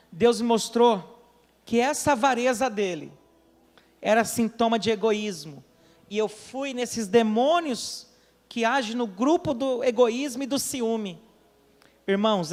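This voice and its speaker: A pastor from Brazil preaching a sermon, telling a story and acting out the people in it, with questions to the congregation. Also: male voice, high voice, big-room sound. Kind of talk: sermon with acted dialogue. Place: church during a service.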